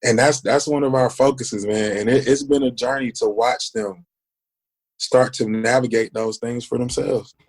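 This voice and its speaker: A man in his forties talks in an easy, mid-pitched voice. He sounds earnest and emphatic, and he keeps circling back to the same questions to press his point. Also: steady tone, moderate pace, a little mellow, husky. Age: 40s. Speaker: podcast guest. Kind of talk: casual conversation.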